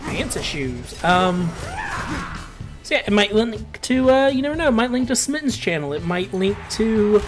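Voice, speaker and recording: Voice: medium pitch, lively intonation, moderate pace, soft background music. A gameplay commentator talking casually over a match, rambling and ranting with plenty of filler words. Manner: rambling, ranty, laid-back with filler words.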